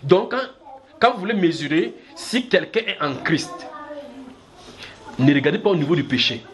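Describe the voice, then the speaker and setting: Animated Cameroonian-born male preacher. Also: moderate pace. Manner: lively, acts out little scenes with shifting pitch, chuckles while preaching. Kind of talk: sermon.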